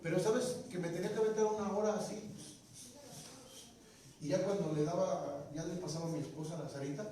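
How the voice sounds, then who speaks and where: A man preaching a sermon, telling stories with animated energy and often asking the congregation questions, with shouts at the peaks. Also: high voice, a little fast. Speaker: pastor. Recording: echoey hall, distant mic, noisy.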